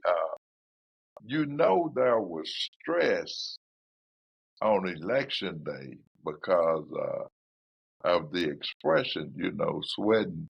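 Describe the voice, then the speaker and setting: An older man recalling the past slowly and haltingly for his daughter, heard through low-quality streamed audio. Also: lively intonation, creaky, slightly rough, no room sound. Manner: slow, halting recollection. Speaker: father being interviewed. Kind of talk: casual family interview. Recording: dull lo-fi low-bitrate audio.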